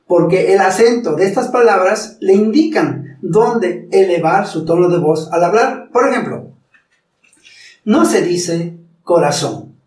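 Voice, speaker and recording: High-voiced man teaching in an echoey room. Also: a little mellow, distant mic. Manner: formal, addresses viewer as usted, demonstrates pronunciation slowly. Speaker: public speaking teacher. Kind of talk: instructional talk.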